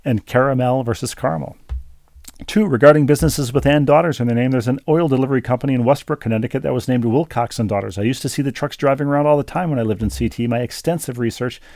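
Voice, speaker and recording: Podcast host, male, gravelly voice, dry close sound, casual letter reading. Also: mid-range voice, very fast, hardly any pauses, a little mellow, no room sound. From Minnesota. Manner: reads letters aloud with chatty asides. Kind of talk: casual podcast chat, reading listener mail.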